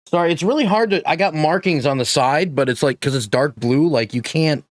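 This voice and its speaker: A man's voice: a little high, a little fast, no room sound. A man in his thirties co-hosting a podcast, chatting casually and joking and laughing a lot. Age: 30s. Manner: jokey, laughs often. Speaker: podcast co-host. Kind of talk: casual chat.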